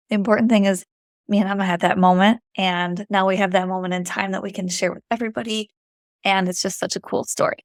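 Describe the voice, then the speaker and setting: A woman's voice: lowish voice, no echo, clean studio sound. Chatty woman with a Yooper accent. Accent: Upper Michigan Yooper. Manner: chatty, informal, emphatic. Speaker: vlogger. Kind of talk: casual personal storytelling.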